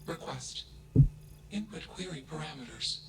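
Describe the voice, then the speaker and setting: An actor voicing a flat, emotionless AI in a video game, speaking in clipped monotone statements that each start with a label word. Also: male voice, fairly high pitch, measured pace, creaky, heavy background noise. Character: flat emotionless AI, a thinking machine.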